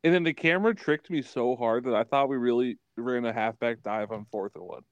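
A man's voice: mid-range voice, fairly quick, muffled recording. A man joining a casual sports podcast chat, joking and stumbling over his words.

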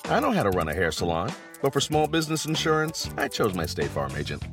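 A man's voice: medium pitch, wildly swooping pitch, quick pace, music in the background. A man playing a plainspoken hair salon owner in a scripted testimonial ad. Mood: confident.

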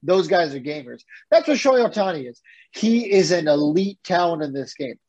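A man's voice: a little high, moderate pace, dull audio. A man co-hosting a casual sports podcast, ranting with energy and the odd curse. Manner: animated, swears, rants. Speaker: podcast co-host.

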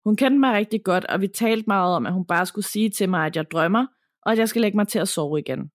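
A woman's voice: medium pitch, no room sound. Woman reading a listener letter, dry sound. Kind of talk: reading a listener story aloud.

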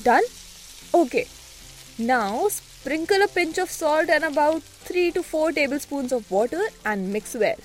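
A woman's voice: sits high, expressive, unhurried. A woman with a North Indian accent in a scripted, casual cooking dialogue, chatting as a co-host and slipping in bits of Hindi. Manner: chatty Hindi-English code-switching.

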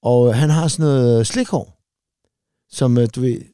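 A man's voice: medium pitch, mellow, clean tone, dry recording, studio quality. A man co-hosting a comedy podcast, chatting casually and acting out quoted voices in his anecdotes. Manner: acts out quoted voices in storytelling.

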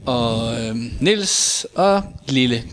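A mild, hesitant psychologist in his seventies, as a man plays him in an improvised comedy interview. He answers in a mid-range voice with soft fillers. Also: medium pitch, lively intonation, natural voice. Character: mild-mannered elderly male psychologist, aged 73.

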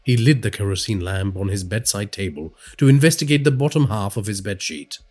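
Brief: a male horror storyteller with a husky voice and dramatic delivery. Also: on the low side, brisk. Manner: dramatic storytelling with lively inflection. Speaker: narrator. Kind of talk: scripted horror narration.

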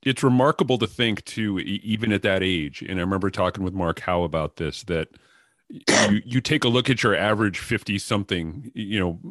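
A man's voice: lowish voice, brisk, a bit bright, no room sound, studio quality. A male podcast host asks thoughtful questions of a guest. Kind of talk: interview questions.

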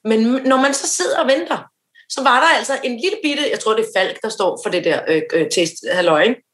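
A woman's voice: a little high, roomy sound. A woman co-hosting a podcast, telling a story in casual chat and acting out the voices of people in it. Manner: animated storyteller, acts out quoted voices, laughs often. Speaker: podcast co-host.

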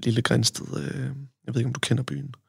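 Gravelly-voiced Danish man telling a story. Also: mid-range voice, flat delivery, a little mellow, no room sound, studio quality. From Denmark. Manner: rambling, many fillers and tag questions. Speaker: podcast guest. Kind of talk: casual storytelling.

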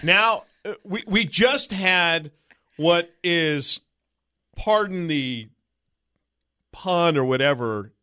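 Bright, animated male podcast host. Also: fairly high pitch, extremely slow, long pauses, clean tone. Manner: excitable, animated. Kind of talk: casual podcast chat.

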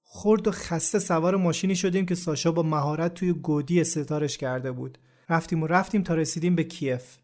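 A man narrating a true story in the first person as a podcast narrator, in a calm, measured and reflective scripted delivery. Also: fairly high pitch.

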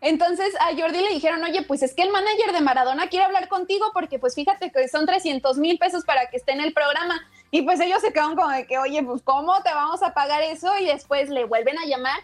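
High-voiced woman co-hosting. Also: quick pace, few pauses. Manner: relaxed, many fillers like "este". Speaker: co-host. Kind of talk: casual chat.

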